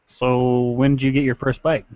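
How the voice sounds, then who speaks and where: A man with a medium-pitched voice leads a casual, bantering chat. His sound is dry and a little dull, like a lo-fi voice call. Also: level tone, moderate pace, darkish tone, dry recording. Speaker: questioner leading the hangout.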